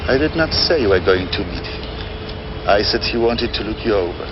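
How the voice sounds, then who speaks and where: A man's voice: fairly low pitch, expressive, brisk. An actor playing a cool, terse male go-between, heard from a worn VHS tape copy. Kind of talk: film acting. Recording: dull worn tape with traffic noise.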